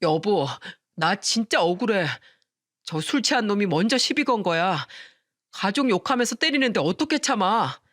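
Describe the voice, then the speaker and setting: A woman's voice: medium pitch, animated, normal speed, no room sound, clean studio sound, close to an everyday voice. A woman voicing a husband who complains he was wronged, in a radio story. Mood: aggrieved. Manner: complaining, self-justifying. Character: aggrieved adult husband.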